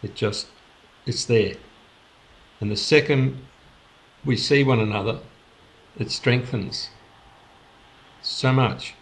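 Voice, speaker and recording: A man hosting a spiritual gathering over a video call, speaking in an unhurried, halting way with restarts. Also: medium pitch. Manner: unhurried, halting, with many restarts and soft laughs. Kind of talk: casual reflective talk on a video call.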